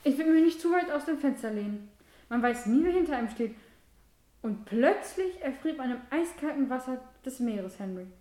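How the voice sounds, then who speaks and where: A woman's voice: sits high, expressive, normal speed, dark tone. A woman voicing a vengeful young woman who coldly accuses an old acquaintance. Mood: menacing. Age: young adult. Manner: cold, accusing, cutting. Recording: echoey room with music behind.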